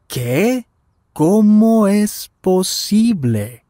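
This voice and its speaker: In a scripted lesson dialogue read carefully at slow and normal speeds, a male voice actor in his twenties plays the curious traveler Daniel. He is heavily acted and very animated, extremely slow, with a high-pitched yet dark voice. The studio sound is clean and echo-free.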